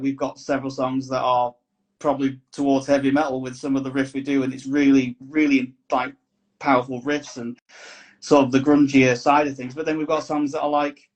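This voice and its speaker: Musician guy chatting on a podcast, rambly and thoughtful, ordinary pitch. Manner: rambling, thoughtful, many restarts. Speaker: musician guest. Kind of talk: casual chat.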